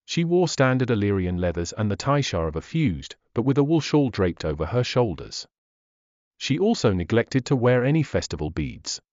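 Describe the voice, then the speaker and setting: A man narrating a fantasy audiobook in a measured, expressive reading. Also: mid-range voice, dry recording. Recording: dull dry recording.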